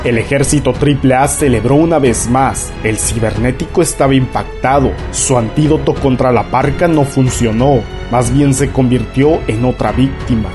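A man narrates lucha libre history in a scripted documentary style. His voice sits at a middling pitch, with music playing behind him. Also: moderate pace, few pauses. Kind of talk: scripted narration recounting wrestling matches. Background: background music.

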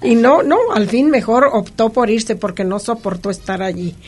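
A middle-aged Mexican woman being interviewed, telling personal stories in an animated conversational way. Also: a little high, moderate pace, slightly rough. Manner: animated, lively anecdotal telling with frequent laughs. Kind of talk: conversational storytelling.

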